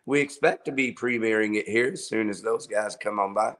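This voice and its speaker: A man's voice: lowish voice, brisk. A man hosting a local music show, rambling casually and swearing as he plugs bands and gigs. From Texas. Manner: rambling and profane, with filler words. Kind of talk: casual livestream chat, promoting bands and shows.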